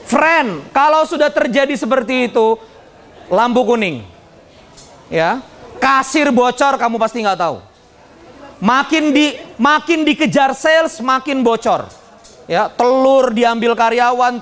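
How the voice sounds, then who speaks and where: Man, very high voice, business seminar speaker, lively, joking. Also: measured pace. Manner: lively, joking, addresses the audience directly. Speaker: business speaker and motivational trainer. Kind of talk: seminar talk to an audience.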